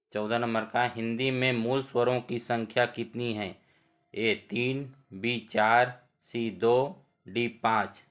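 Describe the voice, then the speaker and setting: A man's voice: medium pitch, bright, forceful tone. A man teaching as he reads quiz questions and options aloud and explains each answer step by step. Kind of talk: exam quiz lesson.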